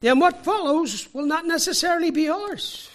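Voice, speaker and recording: A man from Ireland, preaching a sermon with emphatic rhetorical questions and deliberate pauses. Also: very high-pitched, fairly bright tone. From Northern Ireland.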